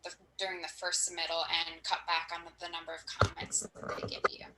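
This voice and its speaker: A woman from a design firm calmly explaining a permit process step by step over a conference call. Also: fairly low pitch, fairly quick, roomy sound, very noisy. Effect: conference call audio. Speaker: planning staff at a design firm.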